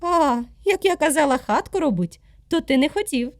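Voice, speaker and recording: A stubborn little calf from a storybook tale, scolding in a raised, sing-song voice that jumps about in pitch, as a woman reader puts it on. Small, indignant and a bit self-righteous. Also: lively intonation, moderate pace.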